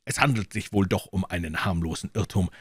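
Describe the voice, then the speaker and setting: A man voicing a calm, dry-witted male detective with a measured, polite manner, in an audiobook reading. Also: deep voice, slightly rough, no echo.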